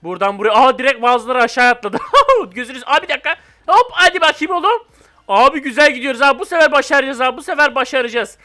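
Young man, gaming host, live game commentary, excitable, bright tense voice, hyped yelling and quiet muttering. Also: extremely high pitch, fast talker. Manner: excitable, swings from hyped shouting to calm muttering.

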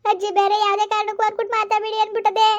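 Woman doing old village mom, super high and quick, fussing and praying over her son. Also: monotone, dull audio. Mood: anxious. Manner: fussing and consoling, invoking God. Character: worried village mother, older woman, pious and tender. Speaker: mother of a banished son.

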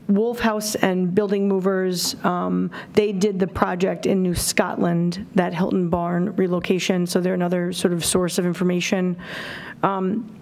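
A woman's voice: fairly low pitch, creaky, a little mellow. Woman presenting at a town meeting. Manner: plain, informal, many fillers. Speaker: town services director leading a committee meeting. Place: town hall auditorium. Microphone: desk microphone.

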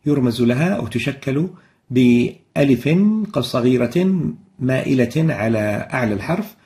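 A man with a low, mellow timbre and a gravelly edge teaches a lesson. He explains patiently and methodically, step by step, stopping to sound out examples. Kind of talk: explanatory lesson on Arabic script and recitation.

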